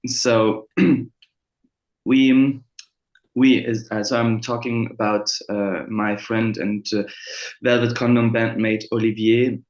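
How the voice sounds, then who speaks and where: A man's voice: mid-range voice, flat delivery, takes it slowly, a little mellow. A man who grew up in France and Germany, a musician guest speaking English as a second language, with many fillers and restarts. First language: French or German. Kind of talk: casual interview. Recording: roomy echo.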